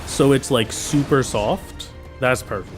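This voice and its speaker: A man's voice: mid-range voice, a little slow, over music. An Irish man chatting casually on a live game stream, rambling with lots of "like" and "uh" fillers. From Ireland. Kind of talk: casual live-stream chat while gaming.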